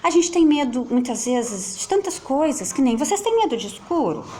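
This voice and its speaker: A high, animated woman's voice with a Brazilian Portuguese accent, swooping up and down as she tells a children's story. She plays with the words in a sing-song way. A faint hum of room noise sits under her voice. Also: moderate pace. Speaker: storyteller teacher. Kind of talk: reading a children's story aloud. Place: at home with children and a pet nearby.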